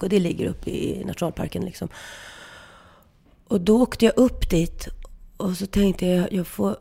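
A woman author as an interview guest, telling a story in a lively, casual way and acting out the quoted dialogue. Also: on the low side, vocal fry. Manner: lively storyteller who acts out quoted dialogue, frequent fillers.

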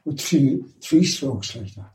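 An older man with a Kilkenny accent telling an animated story in an oral history interview. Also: medium pitch, takes it slowly. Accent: Irish, Kilkenny. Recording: echoey room, distant mic.

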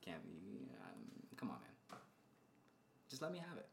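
A man's voice: on the low side, huge pitch swings, unhurried, gravelly, background noise. A man in his twenties co-hosting a podcast, joking and playfully defending himself in casual banter. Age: 20s. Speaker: podcast co-host. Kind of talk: casual chat.

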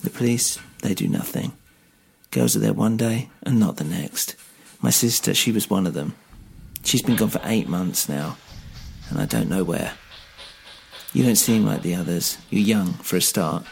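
A man's voice: fairly low pitch, expressive, normal speed, gravelly, darkish tone, slight background noise. A man voicing a stern, guarded woman with a thick Polish accent who speaks in terse, grave warnings.

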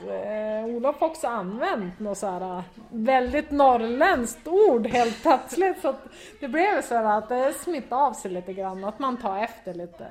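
Woman with a broad northern Swedish dialect. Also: fairly high pitch. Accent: Västerbotten Swedish dialect. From Skellefteå area, northern Sweden. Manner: hesitant, many fillers, laughs often. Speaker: football pundit, former player. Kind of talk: casual interview answers.

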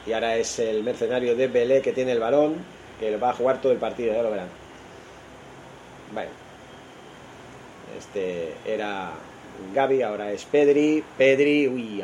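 Slight background noise sits behind a man with a Spain Spanish accent who improvises informal football commentary on an online radio stream. Opinionated, he thinks aloud and corrects himself as he goes, in a medium-pitched, slightly mellow voice.

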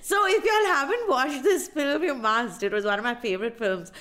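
A woman's voice: a little high, sing-song, a little fast, fairly bright tone. A woman with an Indian accent chatting casually as a podcast co-host, blunt and ready to argue. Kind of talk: casual opinionated chat.

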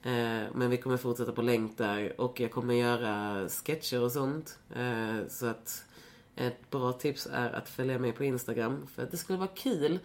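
A woman's voice: rumbling low, hardly any pauses, a little mellow. A young woman in casual chat as a podcast guest, rambling with many fillers and swearing freely.

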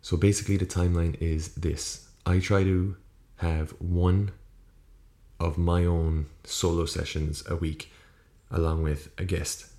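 In an unhurried, flat delivery, an Irish podcast host with a very deep voice talks on his own, wandering casually, fixing his own mistakes, and swearing in passing. The small indoor room he's in sounds echoey and acoustically poor, picked up by a USB podcast mic.

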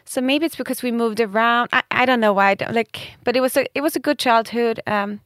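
A woman's voice: fairly high pitch, fairly quick, fairly bright tone, no echo, studio quality. Enthusiastic woman from Scandinavia. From Denmark and Sweden. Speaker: interview guest, fashion brand founder. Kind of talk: casual conversational interview.

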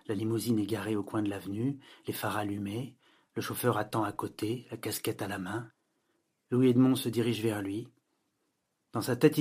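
Husky-voiced man reading a novel aloud. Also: fairly low pitch, a little mellow. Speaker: narrator. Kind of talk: audiobook narration.

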